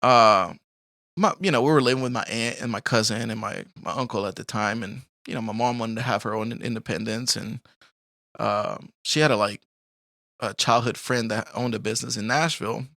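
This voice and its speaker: A young Colombian man, a podcast guest, tells his life story in a casual interview, rambling with lots of fillers like "like" and "you know" and laughing often. His voice is fairly low, creaky and sharp-toned at a moderate pace, recorded with studio quality and no echo.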